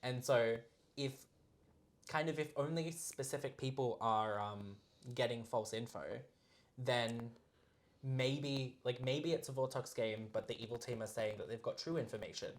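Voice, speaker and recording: A man, a guest on a podcast, explaining game rules in casual chat, halting with many fillers and restarts. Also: medium pitch. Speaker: guest storyteller.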